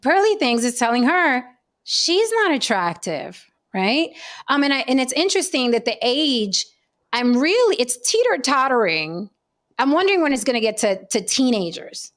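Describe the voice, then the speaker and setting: A woman in her late forties hosting a casual panel talk show, telling stories in a chatty, animated way with many asides. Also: sits high, moderate pace. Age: 40s.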